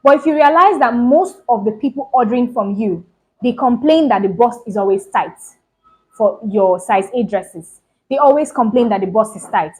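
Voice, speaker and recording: Woman host, slightly high pitch, brisk casual explainer who repeats herself for emphasis. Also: expressive, poor audio. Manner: talks fast, repeats points, keeps asking "do you understand?". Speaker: fashion business channel host. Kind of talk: casual instructional talk to camera.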